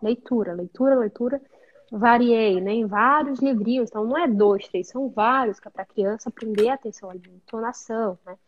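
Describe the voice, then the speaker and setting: A woman's voice: a little high, brisk, highs cut off. A woman, a mother, explaining at length in a casual talk-show conversation, often tagging her sentences with questions. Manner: chatty, explanatory, frequent tag questions. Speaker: guest mother.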